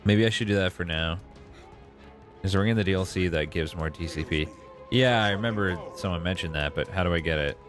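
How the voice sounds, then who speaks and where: A man doing casual live game commentary, thinking out loud and answering viewers as he plays. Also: sits low, brisk. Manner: reads and answers viewers' messages aloud. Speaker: game streamer. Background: game music.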